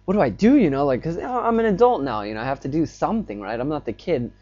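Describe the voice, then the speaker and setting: Talking to his phone in a casual vlog, a young man spins a meandering personal tale full of fillers, growing worked up as it goes on. His voice is fairly high and dark-toned, with lively intonation and a fast delivery, in lo-fi sound.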